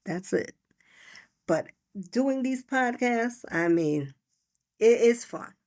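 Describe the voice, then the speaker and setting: A woman's voice: on the high side, lively intonation, slow, a little mellow. A middle-aged woman hosting her own podcast, telling a personal story in a heartfelt, conversational, unscripted way. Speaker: podcast host. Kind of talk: personal reflective monologue.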